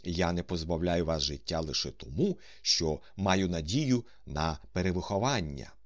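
A man's voice: sits low, moderate pace, dry recording, lightly acted. A man playing a grand, scheming con man who speaks in a haughty, commanding, coolly ironic way.

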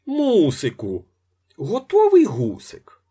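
A man's voice: fairly high pitch, very animated, measured pace, mellow, voice pushed up. A man voicing a gluttonous middle-aged engineer who calls to his wife in a childish, pleading coo. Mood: wheedling.

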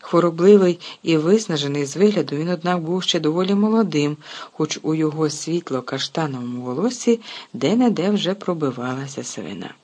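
A reader narrating a storybook in a steady, even way with a husky voice. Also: mid-range voice, fairly quick. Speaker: audiobook narrator.

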